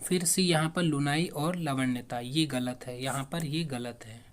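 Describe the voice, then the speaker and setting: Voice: mid-range voice, unhurried, slight background noise. A teacher working through past exam questions step by step, asking questions aloud and then answering them, with frequent fillers and self-corrections. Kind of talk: exam-prep lecture.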